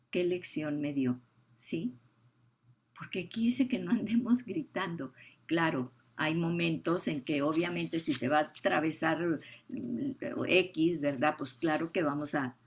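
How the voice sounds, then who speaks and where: An older woman, teaching the Bible with emphasis, repeating key phrases and asking her listeners questions. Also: deep voice.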